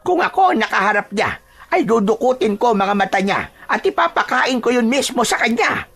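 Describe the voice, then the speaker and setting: A woman's voice: on the high side, expressive, fairly quick, fairly bright tone. A woman voicing a worried, vengeful older village woman in a narrated horror audio drama, speaking heatedly and with suspicion.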